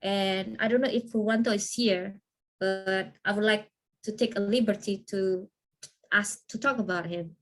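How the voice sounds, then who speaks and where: A woman leading an online training session and answering questions in a lively, encouraging way. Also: medium pitch, moderate pace. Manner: lively, encouraging, asks listeners to confirm.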